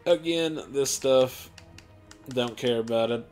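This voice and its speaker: A man's voice: mid-range voice, slow pace, a little mellow, faint music behind. A man casually talking through a video game's character creator, rambling and offhand with lots of fillers, tired and yawning late at night. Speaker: gaming channel host. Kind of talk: casual gameplay commentary.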